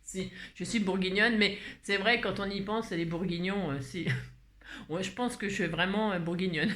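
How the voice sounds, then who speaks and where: A woman's voice: mid-range voice, moderate pace, a bit bright, echoey room. A woman from Burgundy with a Burgundian French accent, chatting through a craft tutorial in a rambling way and often laughing at herself. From Burgundy, France. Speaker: craft vlogger. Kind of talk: casual chat and craft tutorial. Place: indoor room away from home.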